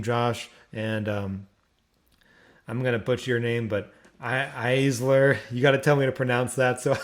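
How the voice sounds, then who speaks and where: A young man from Philadelphia with a Philly accent hosts a casual online community Q&A, rambling with restarts and fillers. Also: medium pitch. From Philadelphia, Pennsylvania. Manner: rambling, repeats words, lots of fillers. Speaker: community AMA host. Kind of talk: casual community livestream talk.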